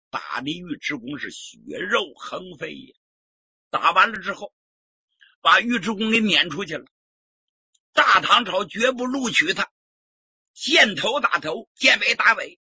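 A man performing a traditional story, lively and dramatic with colloquial asides. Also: high-pitched, slightly rough, no echo. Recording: dull lo-fi recording.

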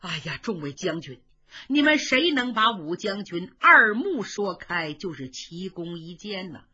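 A woman putting on a mild, conciliatory young prince in a storytelling piece, soft and measured, slow, with a bright but slightly husky tone. he soothes the angry men around him, and the recording is dull and lo-fi. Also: mid-range voice, very animated, heavily acted. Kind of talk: traditional storytelling.

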